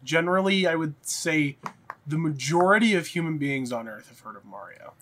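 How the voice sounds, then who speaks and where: A man co-hosting a casual chat, playful and quick with jokes. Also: on the high side, expressive, fairly bright tone, a little hiss or hum. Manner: playful, jokey, quick reactions. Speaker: podcast co-host.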